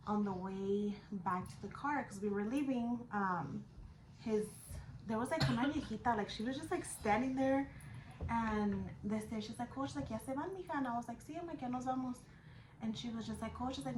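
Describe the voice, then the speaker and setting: A vlogger in her 20s, with a mid-range voice and a darkish tone, casually tells a personal story. Slang, casual swearing, and switches between English and Spanish run through her speech. The recording comes from an echoey room with background noise.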